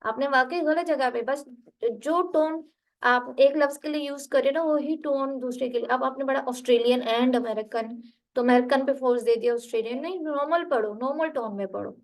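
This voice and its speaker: A woman's voice: high-pitched, moderate pace, low-quality recording. A woman tutoring a student one-on-one for a spoken English test, patiently correcting word stress and reading. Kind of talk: online tutoring session.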